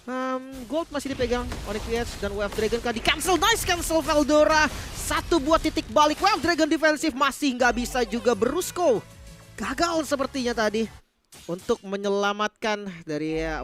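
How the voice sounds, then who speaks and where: High-pitched Indonesian male esports shoutcaster. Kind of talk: live game commentary.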